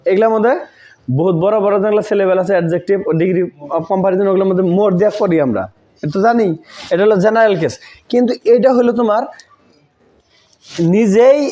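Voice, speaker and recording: A man's voice: high voice, a little mellow. A man teaching an English grammar lesson, repeating key words and checking that students follow. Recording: dull lo-fi recording.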